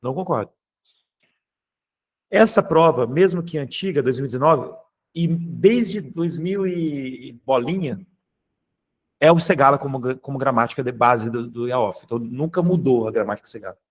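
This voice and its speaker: This online grammar teacher, a man with a Brazilian Portuguese accent, talks a bit fast in a mid-range voice. He walks students through each step, often asking "tá?" or "beleza?" to check they're following, and his informal style includes the odd curse.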